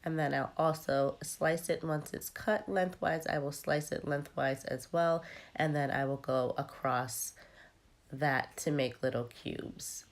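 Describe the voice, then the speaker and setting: A young woman talks through her cooking in a relaxed, chatty way, with plenty of ums along the way. Her voice sits low and sounds tired, worn down by a cold. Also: unhurried. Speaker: cooking vlogger. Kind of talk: casual cooking narration.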